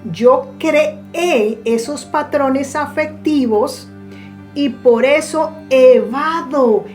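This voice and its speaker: Slow, high-voiced woman teaching gently. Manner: slow, deliberate, stretches key words for emphasis. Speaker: spiritual teacher. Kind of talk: reflective teaching monologue.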